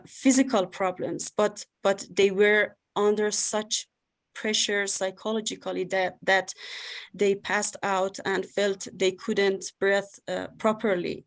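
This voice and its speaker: A woman from Afghanistan with an Afghan accent, giving personal testimony in halting English as she searches for words. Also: mid-range voice. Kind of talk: personal testimony in a panel interview.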